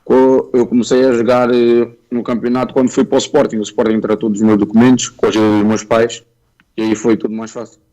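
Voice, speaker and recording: Speaking a little fast in a warm, medium-pitched voice with little pitch variation, a young man fields interview questions as a footballer guest. He was born in Angola and grew up in Portugal, and he comes across as polite, modest and plain-spoken. The audio sounds dull.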